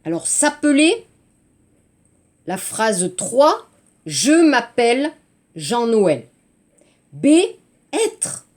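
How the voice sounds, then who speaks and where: Slow, lively teacher, woman. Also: on the high side. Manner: slow, clear teaching delivery with frequent "hein" and "d'accord". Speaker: French teacher. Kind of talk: language lesson for Korean learners.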